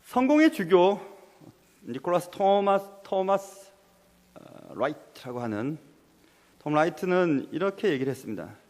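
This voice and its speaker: A man with a high-pitched voice delivers a sermon in a church sanctuary. He swings between impassioned, pleading prayer and quiet, hushed asides. A long hall reverb trails each phrase. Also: sing-song, measured pace. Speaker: pastor.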